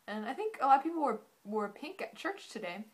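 A woman's voice: high-pitched, sing-song, brisk. A woman in her twenties chatting informally to camera as a vlogger, rambling and saying "like" often. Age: 20s. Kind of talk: casual chat to camera. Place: small living room indoors.

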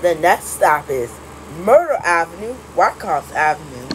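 A woman making recorded subway train announcements, stop by stop in a flat, measured announcer delivery. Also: on the low side, a little hiss or hum, rough recording.

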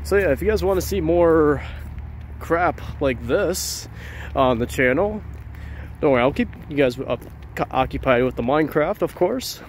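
A man's voice: on the high side, expressive, normal speed, a little hiss or hum. Rambling casual male vlogger outdoors. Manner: rambling, informal, repeats phrases. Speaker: YouTuber, vlog host. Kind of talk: casual handheld vlog narration to viewers. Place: outdoors at night on trails and roads. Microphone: handheld camera.

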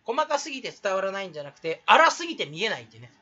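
Young male vlogger, quick and bright, jokes his way through a rambling monologue with a mock Kansai lilt. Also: high voice, sing-song, dull audio. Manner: jokey, self-mocking, rambling. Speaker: YouTuber. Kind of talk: rambling solo vlog talk.

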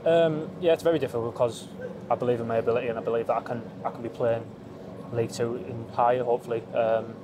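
A man's voice: mid-range voice, steady tone, quick pace. Hesitant young man in noisy stadium. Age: 20s. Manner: hesitant, many ums and restarts. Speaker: footballer. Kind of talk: post-match interview. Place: empty stadium stands, outdoors. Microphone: handheld phone held up close.

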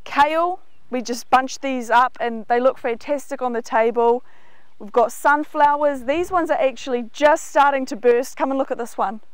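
A woman's voice: high-pitched, moderate pace, clear, resonant tone, no echo. A woman in her thirties with a New Zealand accent, giving an enthusiastic guided tour of her market garden outdoors. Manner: enthusiastic, explanatory, walking and pointing at crops. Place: outdoors in a large vegetable garden.

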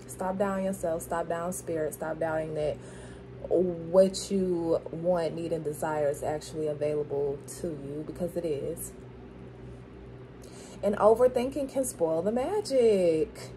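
Woman, teeth grill in, unhurried, soft dark tone, casual spiritual pep talk, noisy background. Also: fairly low pitch. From Florida, USA. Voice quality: speaking with a dental grill in the mouth. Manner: affirming, repeats phrases for emphasis, checks in with "okay?". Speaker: spiritual tarot card reader.

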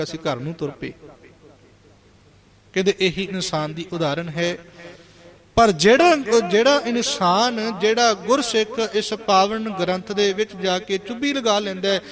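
A man preaching a sermon, explaining scripture in an earnest, teaching manner and slowing down to recite verses. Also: high-pitched, fairly bright tone. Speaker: Sikh preacher.

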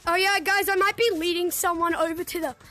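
Very high bright excitable gamer girl. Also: a little fast, soft background music. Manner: excitable, shouty exclamations. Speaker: gorilla tag player. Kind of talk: casual gaming chat. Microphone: VR headset mic.

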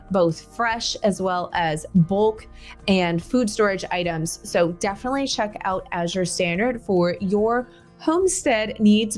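A woman in her forties hosting a podcast from a small home room, talking in a casual, chatty way through a headset. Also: medium pitch. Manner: chatty, conversational, gestures while talking. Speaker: podcast host. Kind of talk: casual solo podcast talk. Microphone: over-ear headset.

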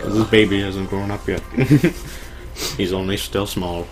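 While streaming a racing game, a young man with a lowish voice speaks a little slowly, bantering with a friend through jokes and rambling chat over background game music.

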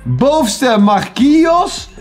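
A young man with a Dutch accent, chatting casually and excitedly as he plays a football quiz for his channel, muttering to himself as he guesses. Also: very high-pitched, takes it slowly, faint music behind. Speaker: YouTuber playing a quiz. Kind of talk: casual commentary while guessing.

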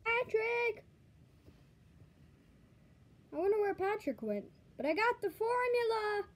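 An excitable cartoon sponge played by a woman with a very high voice. The bossy, cheerful hero calls out urgently, in homemade toy play-acting. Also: slow, full character voice. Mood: excited.

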